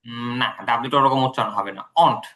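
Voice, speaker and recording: A man from Bangladesh explains English pronunciation to a student. His voice is bright and clear at an ordinary pitch. He talks patiently, padding his points with fillers. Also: steady tone, fast talker. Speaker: English tutor.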